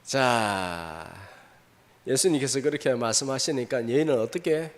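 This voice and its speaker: A man's voice: medium pitch, expressive, unhurried, big-room sound. A man pastor giving a sermon, emphatic, repeating his lines and asking the congregation questions. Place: church sanctuary.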